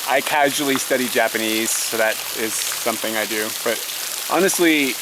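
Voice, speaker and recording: A young American man who vlogs and teaches elementary school talks casually with his viewers, answering their questions. His voice is medium-pitched and moves at a normal speed over some background noise. He's a storyteller who says "like" a lot and laughs often.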